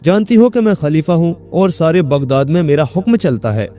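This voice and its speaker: A man's voice: on the high side, expressive, normal speed, warm tone, soft background music, close to an everyday voice. A man voicing a hot-tempered young man who believes he is the caliph and barks angry commands. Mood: angry, commanding.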